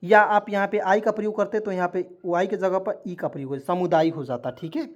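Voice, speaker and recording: A man's voice: sits high, fairly quick, dull audio. Patient man spelling words letter by letter. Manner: repetitive, keeps checking in with viewers. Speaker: online teacher. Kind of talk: spoken lesson, spelling out words.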